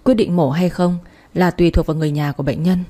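A woman's voice: lowish voice, fairly even intonation, quick pace, mellow, natural voice. A woman reading as a matter-of-fact doctor. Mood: formal.

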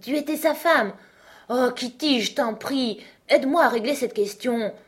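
A woman's voice: high-pitched, a little slow, slightly rough, pitched above the performer's own voice. Alice, a chatty young girl, as a woman reads her. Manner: lively, scolding her cats fondly.

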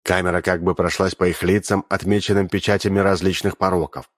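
A man narrating an audiobook, reading with lively energy and raising his voice for the characters' shouts. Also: low-pitched, a little fast, dry recording, studio quality.

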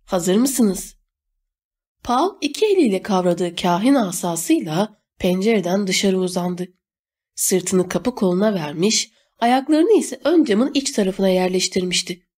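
Woman reading an audiobook, steady even narration, mid pitch. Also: normal speed. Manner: steady storytelling read. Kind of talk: scripted narration.

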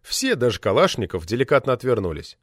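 A man narrating a novel as an audiobook, reading in a measured, expressive way into a close mic. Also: mid-range voice, no room sound.

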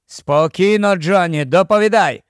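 A man voicing a calm, commanding army captain who speaks to his young officer in a steady, patient, gently scolding way. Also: sits high, unhurried, dry recording, studio quality.

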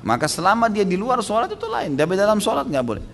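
Guy preaching fast at a study session, emphatic, lots of rhetorical questions, hall echo and faint rumble behind. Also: sing-song, gravelly, fairly bright tone. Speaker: Islamic preacher answering questions. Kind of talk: religious study talk, Q&A.

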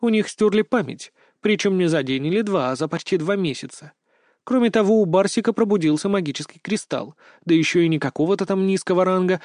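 A man's voice: sits high, dry recording, studio quality, pitched above the performer's own voice. A man doing a doting, wise grandmother. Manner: soothing, gently lecturing. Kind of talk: audiobook character voice.

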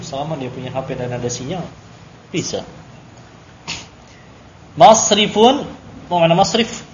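A man teaching an Arabic class, explaining words and grammar slowly and patiently and quizzing his students. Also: mid-range voice, slight background noise. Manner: slow, patient explaining with drills and questions. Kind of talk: classroom lesson. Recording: lo-fi, echoey room recording.

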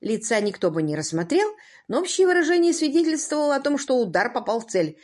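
A woman narrating an audiobook in an expressive, wry manner. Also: high voice, fast.

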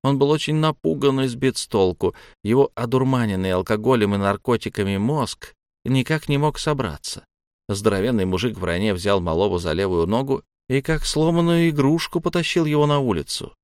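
A man reading a story as an audiobook narrator in a steady, even way. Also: medium pitch, fairly quick, smooth, no echo, studio quality. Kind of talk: scripted narration.

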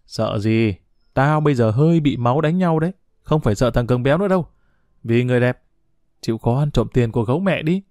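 A man's voice: medium pitch, animated, fast, darkish tone, no echo, studio quality, close to an everyday voice. A man voicing a cocky, boastful schoolboy friend who talks with swagger and mockery. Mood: excited. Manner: swaggering, mocking.

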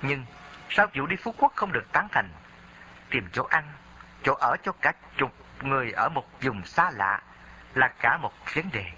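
A man's voice: medium pitch, animated, unhurried, bright, forceful tone, dull audio, slight background noise. Man reading a reflective memoir. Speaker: narrator.

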